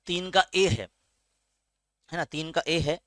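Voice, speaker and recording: Taking it slowly, a man with a voice on the high side and a fairly bright tone teaches a school maths lesson step by step. He has an Indian Urdu-medium accent, patiently checks in with students, and often asks "है ना?", in a dry, studio-quality recording.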